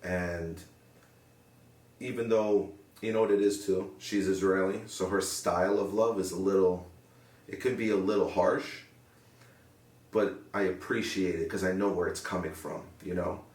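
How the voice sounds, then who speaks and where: A young man speaking in an interview in an earnest, reflective way, often pausing to search for words. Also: deep voice, fairly even intonation, a little mellow. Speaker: interviewee, paramedic. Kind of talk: sit-down interview. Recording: roomy sound from a distant mic.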